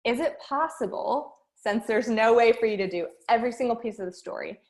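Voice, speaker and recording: A woman's voice: fairly high pitch, fairly quick, darkish tone. Woman coaching through questions. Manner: guiding students with a string of questions. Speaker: speech and debate coach. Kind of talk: online workshop lesson.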